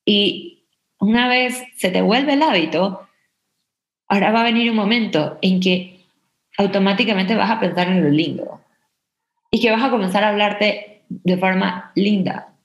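A woman's voice: mid-range voice, a little slow, dull audio. A young adult woman hosting a motivational podcast, talking earnestly and encouragingly straight to her listeners. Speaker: podcast host. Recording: echoey room.

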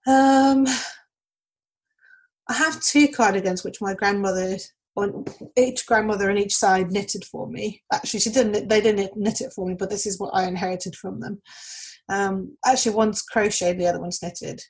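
Breathy woman pausing to think. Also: mid-range voice, steady tone, a little mellow, poor audio. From Mexico. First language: Spanish. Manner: thoughtful, pausing often with ums. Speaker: podcast guest. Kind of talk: casual answers to a question list.

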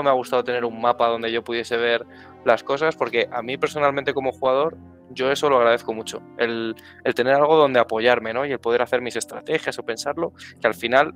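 Male player, casual effusive feedback, mid-pitched. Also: fairly bright tone. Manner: effusive, repeats words for emphasis. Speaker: tabletop game player giving feedback. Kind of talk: casual post-game feedback chat.

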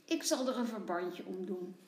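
A woman voicing a little girl playing nurse, bossy and caring, in a bright, eager storybook voice. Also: mid-range voice, normal speed, echoey room, slight background noise, pitched below the performer's own voice, lightly acted. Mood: fussing.

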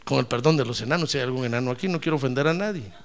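A man preaching a sermon in an animated way, with rhetorical questions, humor and loud exclamations of praise. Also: medium pitch, racing.

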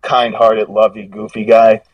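Low-voiced man rambling through a story. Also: completely flat delivery, unhurried, recorded from a distance, dull audio. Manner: rambling, self-correcting storyteller with frequent restarts. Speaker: podcast guest, gym meme page creator. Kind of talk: casual podcast chat.

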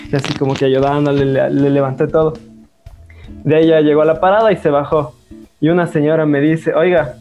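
A man's voice: a little high, a little mellow. A young man, telling a story in casual chat, slangy and profane, laughing as he goes. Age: young adult.

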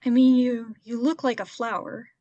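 Blunt, impatient comedy rat, played by a woman, highish pitch, lo-fi sound. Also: flat delivery, moderate pace, mellow, lightly acted. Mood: dramatic. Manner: blunt, bossy. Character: impatient, bossy giant rat intern. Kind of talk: comedy script read aloud.

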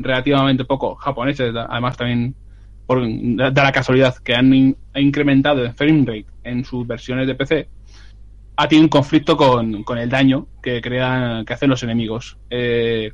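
Dry, teasing podcast moderator. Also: male voice, medium pitch. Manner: teasing, moderating with deadpan jokes. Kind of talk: casual chat among friends. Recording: slightly dull lo-fi audio.

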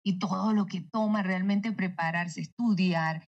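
A woman voice actress explaining her craft in an interview, measured and illustrating with spoken examples. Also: mid-range voice, fairly even intonation, highs cut off. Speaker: voice actress guest. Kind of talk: interview answers.

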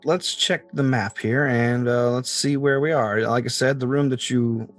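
A man running a tabletop game as game master, describing rooms in an unhurried way with many fillers. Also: mid-range voice, fairly even intonation, faint music behind.

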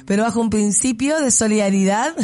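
A woman with a Chilean accent hosting a radio show, giving blunt, sarcastic commentary and laughing often. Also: a little high. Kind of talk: casual opinionated radio commentary.

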